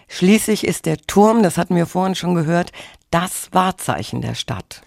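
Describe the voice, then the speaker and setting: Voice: medium pitch, expressive, moderate pace, a little mellow, no room sound. A radio presenter reading scripted links and putting questions to a studio guest. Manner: smooth scripted links, then asks questions. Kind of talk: radio magazine presenting and interviewing.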